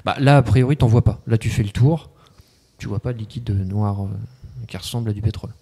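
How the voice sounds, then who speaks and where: A man's voice: fairly low pitch, brisk, warm tone, slightly rough. A man improvising narration as the game master of a tabletop role-playing game, hesitant and often correcting himself as he describes scenes. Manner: hesitant, self-correcting, piecing descriptions together.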